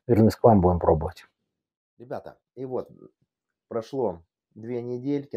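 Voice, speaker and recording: Deep, husky man with an Odesa accent. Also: mellow, dry recording, muffled recording. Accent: Odesa Russian, Yiddish-tinged. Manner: folksy, repetitive, fond of affectionate diminutives. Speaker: cooking channel host. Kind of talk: casual cooking demonstration.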